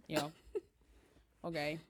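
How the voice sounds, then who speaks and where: A woman's voice: sits low, breathy edge. A young woman co-hosting a podcast with her twin, chatting casually and laughing often, dropping English phrases into her speech. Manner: giggly, mixes English phrases into Finnish. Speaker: podcast co-host. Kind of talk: casual chat.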